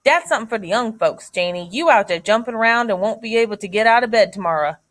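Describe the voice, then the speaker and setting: A woman's voice: a little high, expressive, fast, lightly acted. A woman reading a novel aloud, voicing an aging husband who chides his wife in Southern dialect. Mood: chiding. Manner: drawling Southern dialect dialogue read aloud.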